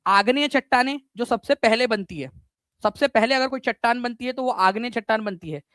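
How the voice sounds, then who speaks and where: A male teacher giving a live online exam-prep class, energetic and repetitive, quizzing his students and mixing in English words. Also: very high-pitched, a little fast, dry recording.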